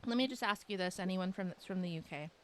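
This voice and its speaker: A young woman from Texas, lightly accented, rambles to her stream viewers at a quick clip in a lowish, fairly bright voice, with lots of "like" thrown in. A little background noise can be heard.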